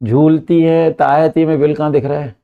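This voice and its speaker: A man with an Indian accent teaching a live English class, drilling students and pushing them to answer quickly. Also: a little high, steady tone, gravelly, phone-quality sound.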